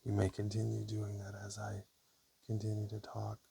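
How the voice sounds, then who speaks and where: Speaking softly and casually, sometimes in a whisper, an ASMR creator offers personal talk in a hesitant, unhurried, low and gravelly murmur that stays monotone. He's recorded close up on a camera or basic microphone with faint amateur hiss.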